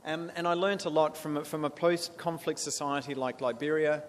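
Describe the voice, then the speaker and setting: Australian male speaker, earnest and halting, slightly raised pitch, recorded in a reverberant hall. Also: steady tone. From South Australia. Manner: earnest, with frequent restarts and fillers. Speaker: guest speaker. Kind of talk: presentation to a club. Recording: echoey hall with faint noise.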